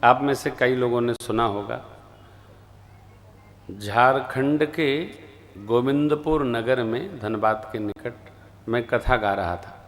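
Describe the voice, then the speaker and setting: Slow, emphatic preacher man. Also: medium pitch. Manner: slow, emphatic, swings between soft asides and loud rising exclamations; chants verses of scripture in a drawn-out singsong. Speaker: Ram Katha preacher. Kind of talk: devotional sermon.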